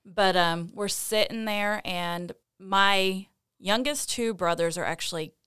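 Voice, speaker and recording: A woman's voice: mid-range voice, takes it slowly, fairly bright tone, smooth, dry recording, clean studio sound. A woman guest on a podcast, casually telling personal stories.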